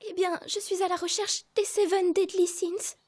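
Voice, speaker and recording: An actress voicing a gentle, polite young woman in armor in a dubbed cartoon. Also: very high voice, level tone, moderate pace. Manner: polite and grateful.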